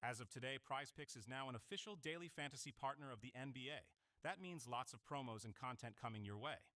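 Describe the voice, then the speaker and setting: A man reading an ad in a put-on smooth male announcer voice with polished, even delivery. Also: mid-range voice, fast talker. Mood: promotional. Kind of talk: scripted ad read.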